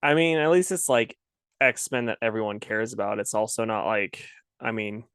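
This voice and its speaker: A man co-hosting a casual podcast chat, animated and quick to laugh. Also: on the low side, clear, resonant tone, no room sound, clean studio sound. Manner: animated, laughs a lot, puts on joking voices. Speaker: podcast co-host.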